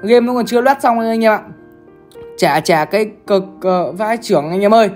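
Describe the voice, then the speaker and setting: A woman's voice: medium pitch, normal speed, a little mellow, faint music behind. A woman from Vietnam, giving chatty gaming commentary and constantly calling out to her viewers. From Bắc Giang, Vietnam. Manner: chatty, keeps calling out to the audience. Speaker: gaming streamer.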